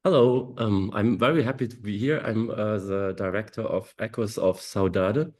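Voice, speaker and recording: A man's voice: on the low side, moderate pace, darkish tone. A man, a film director, speaks at a Q&A with enthusiasm and some hesitation. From Germany. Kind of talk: Q&A panel answer.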